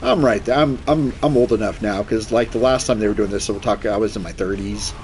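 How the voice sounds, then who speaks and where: A man's voice: on the low side, fast, slight background noise. A man in his forties chatting casually as a game streamer, rambling and retelling conversations by acting out both sides. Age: 40s. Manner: rambling, animated retelling with quoted dialogue and swearing. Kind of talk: casual chat while playing a video game.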